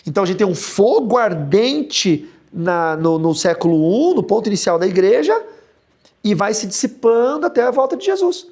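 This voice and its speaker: Animated, gravelly pastor. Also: male voice, normal speed. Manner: animated, joking, jumps into high mocking tones. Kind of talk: humorous Bible study teaching.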